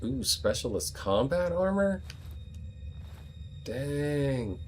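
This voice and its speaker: A man's voice: mid-range voice, very animated, very slow, soft background music. An American man giving casual, rambling gameplay commentary with joking asides. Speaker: let's play host.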